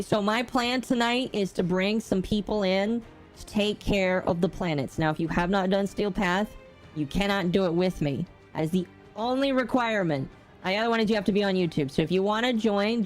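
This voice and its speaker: A woman streams a game and chats casually through a voice changer, rambling and frequently correcting herself. Her voice is lowish and a little mellow.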